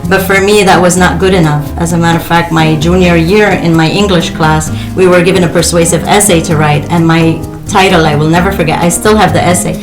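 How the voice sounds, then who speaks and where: A woman's voice: on the low side, steady tone, a little fast, few pauses. A woman from Lebanon, a teacher, speaking earnestly and encouragingly in a casual panel talk. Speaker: teacher guest. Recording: echoey room with music behind.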